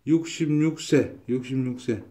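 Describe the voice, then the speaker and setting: A man acting as a fortune teller delivers a consultation in a medium-pitched, dark voice, taking his time. He announces his predictions with confidence and says the same things over and over.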